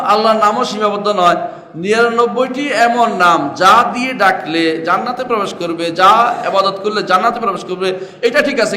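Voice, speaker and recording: A man teaches a religious lesson in a high, bright voice. He keeps asking his listeners questions and repeats key phrases. The sound rings around a roomy hall with a long reverb tail. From Bangladesh. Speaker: Islamic teacher. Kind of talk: religious lecture.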